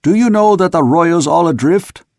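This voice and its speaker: An actor playing an angry older male ship captain who shouts commands from the rigging. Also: on the high side, lively intonation, moderate pace, no echo, studio quality, voice pushed up. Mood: shouting angrily.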